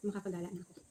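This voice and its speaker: A noisy recording with roosters behind a Filipino woman vlogger. She talks at a medium pitch with the speech of someone missing front teeth. She chats casually to her viewers between bites of food. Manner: talks while eating, savouring with small hums. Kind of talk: casual mukbang chat to viewers.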